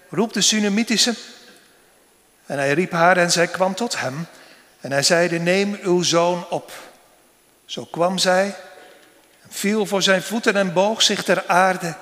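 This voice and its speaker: Slow solemn male preacher in a reverberant church. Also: high-pitched, a bit bright. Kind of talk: sermon.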